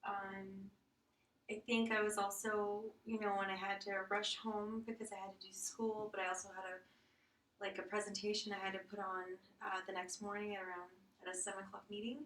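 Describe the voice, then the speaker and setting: Halting woman client, distant and roomy. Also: medium pitch, little pitch movement, a bit bright, slight background noise. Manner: halting, self-correcting with uhs and restarts. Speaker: client in practice session.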